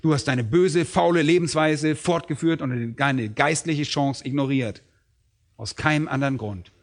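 A man voicing a stern, indignant master who accuses his servant in an incredulous, high-pitched tone. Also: unhurried. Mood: accusing.

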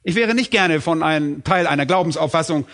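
A man's voice: fairly high pitch, fairly quick, fairly bright tone. A middle-aged man preaching a sermon, emphatic, asking questions and answering them himself. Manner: emphatic, asks and answers his own questions.

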